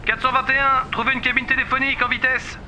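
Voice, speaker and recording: A brisk police dispatcher from a video game, acted out by a man. The voice is very high and piercingly sharp, with faint noise behind it. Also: level tone, full character voice. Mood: brisk, dry.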